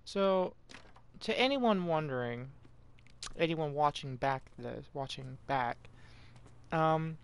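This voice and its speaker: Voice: mid-range voice, lively intonation, slow, pauses often, a little hiss or hum. Chatty, swearing game streamer. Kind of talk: live game commentary.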